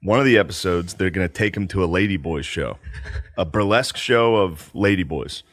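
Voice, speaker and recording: A man's voice: low voice, a little fast, no echo, clean studio sound. A man hosting a podcast, telling a story in casual chat and laughing through it. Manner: laughs through his stories, animated. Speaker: podcast host.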